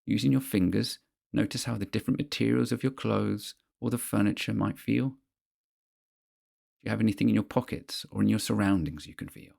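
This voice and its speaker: Low, gravelly man guiding a mindfulness exercise. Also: darkish tone. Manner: measured, instructional, pausing between phrases. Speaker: guide of a therapeutic grounding exercise. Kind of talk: guided mindfulness exercise, scripted narration.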